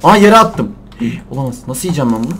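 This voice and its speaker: A young man commentating a survival game in Turkish, shouting and cursing at the animals and laughing often. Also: medium pitch, fast, slight background noise. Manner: excitable, swears and yells at the game, laughs often. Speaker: gameplay commentator. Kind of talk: let's play commentary.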